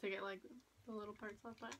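A woman's voice: mid-range voice, level tone, quick pace, background noise. A young woman chatting casually with candy at her lips, full of filler "like"s. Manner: chatty, many filler likes. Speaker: co-host taste-testing candy. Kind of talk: casual chat.

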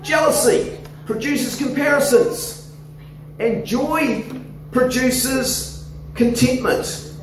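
High-voiced Australian pastor in an echoey hall. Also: male voice, takes it slowly, long pauses. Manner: animated, gesturing, coaxing the congregation. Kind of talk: sermon. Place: church hall, indoors. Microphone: handheld microphone. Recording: echoey hall, somewhat distant, faint noise.

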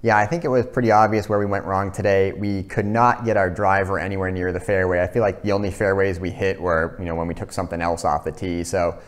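A man's voice: low-pitched, steady tone, fast, hardly any pauses. Young man giving casual golf commentary. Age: young adult. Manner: self-narrating, informal. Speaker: host of a simulator golf series.

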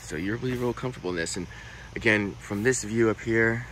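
The audio is poor, with a little hiss or hum, and the man's on-the-low-side voice moves briskly. He reviews a rooftop tent in a relaxed manner, working its parts by hand, filmed outdoors on a handheld phone next to a car before climbing inside the tent.

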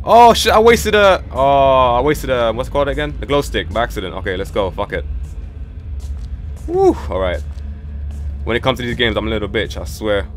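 A man's voice: medium pitch, brisk, pauses often. A man hosting a gaming channel, giving jumpy live commentary on a horror game and cursing as he goes. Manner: jumpy, swearing, talks to himself while playing. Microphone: headset with headphones in. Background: horror game music.

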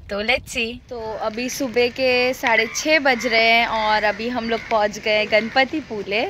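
A woman in her thirties with a fairly high voice chats casually and informally straight to camera for her travel vlog, filming on a phone held at arm's length. She's outdoors at night beside a roadside stall and at a temple, with a noisy background.

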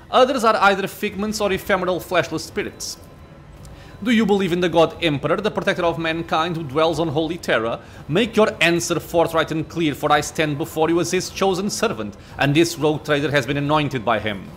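A man's voice: fairly high pitch, fairly quick, slight background noise, lightly acted. A man reading out the lines of a zealous female battle sister in a solemn, declamatory way. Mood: fervent. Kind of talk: reading game dialogue aloud.

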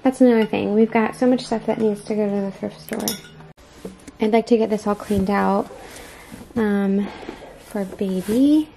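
A young adult American woman vlogs at home while preparing for a baby, chatting casually to viewers and thinking aloud in a meandering, informal way as she moves between rooms. Her mid-range voice has a dark, steady tone, a measured pace, and frequent pauses. The handheld camera mic gives poor audio with clear background noise.

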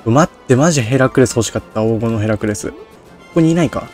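A man's voice: mid-range voice, animated, fast talker, darkish tone, soft background music. A man giving rambling, self-deprecating commentary on a game, his diction slurred and hard to catch. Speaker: game streamer. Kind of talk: casual Let's Play commentary.

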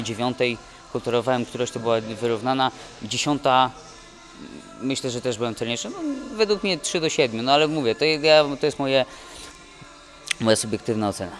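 A young man, a boxer, speaking in a halting, dejected way with many restarts in a post-fight interview at an indoor event press wall. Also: mid-range voice. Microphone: handheld mic held by interviewer.

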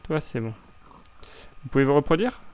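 A man's voice: on the high side, very animated, normal speed, a little mellow, clear, resonant tone. A young man with a French accent chatting casually as he plays a building game, rambling with lots of restarts. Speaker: Minecraft let's play host. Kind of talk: casual gameplay commentary.

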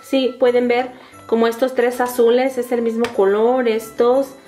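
A woman with a Latin American Spanish accent hosting a children's toy video in a bright, sing-song, excited manner. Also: on the high side, unhurried. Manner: bright, sing-song, excited, addressing little viewers with diminutives. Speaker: host of a children's toy channel. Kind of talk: toy unboxing and craft narration for children. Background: background music.

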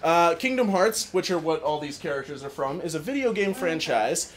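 A man's voice: fairly high pitch, animated, normal speed, a little hiss or hum. A man giving a casual, jokey, rambling closing speech to an audience as the stage director of a show. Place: live venue with an audience.

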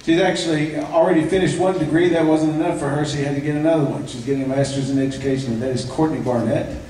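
A man's voice: fairly high pitch, fairly even intonation, warm tone. Man emceeing in an echoey church. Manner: halting, many fillers, light joking. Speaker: ensemble director introducing singers. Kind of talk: live concert emcee talk. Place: church sanctuary. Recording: echoey church, distant mic, faint noise.

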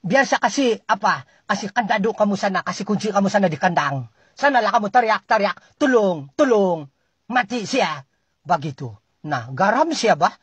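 Sabahan comic ranter, husky and exasperated, scolds an unseen listener with jumpy pitch, recorded dry. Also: lively intonation, fairly quick, dry recording. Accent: Sabahan Malay. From Sabah, Malaysia. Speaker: comic storyteller. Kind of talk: comic ranting monologue.

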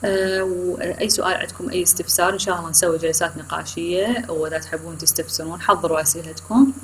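A woman's voice: lowish voice, fairly even intonation, very fast, slight background noise, poor audio. A woman with an Iraqi Arabic accent gives a recorded online lecture to her students. She mixes English terms into her explanations, corrects herself often and checks in with questions. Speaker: university lecturer.

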